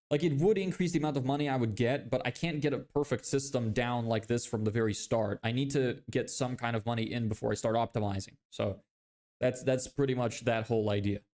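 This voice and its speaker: His voice sits mid-range as the Lithuanian host in his twenties, accented and relaxed, reads questions from viewers on his live stream. He explains sales concepts casually, with frequent fillers and restarts.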